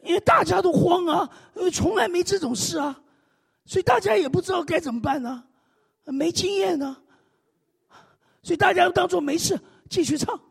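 A male pastor preaching an animated, humorous sermon, punctuating it with frequent hallelujahs and amens. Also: very high-pitched, moderate pace, creaky, in a large hall.

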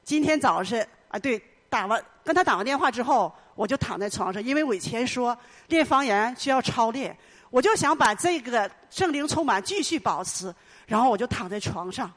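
A woman's voice: fairly high pitch, lively intonation, normal speed. A middle-aged woman giving an emotional personal testimony in church, telling her story earnestly and with much repetition. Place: church hall.

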